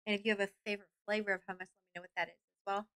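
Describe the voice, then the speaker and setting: A middle-aged woman giving a casual product review to camera, speaking informally and haltingly into a desk microphone. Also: mid-range voice, little pitch movement, fairly bright tone, slight background noise. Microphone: desk microphone close in front, seen.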